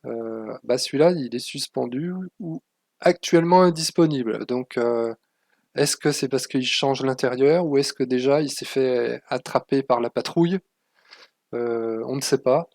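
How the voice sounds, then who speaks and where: A man's voice: medium pitch, unhurried, creaky, darkish tone, no room sound, studio quality. A man hosting his channel, narrating a screen-share tutorial with many hesitations and a cautionary tone. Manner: hesitant, many fillers, warning tone. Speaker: channel host.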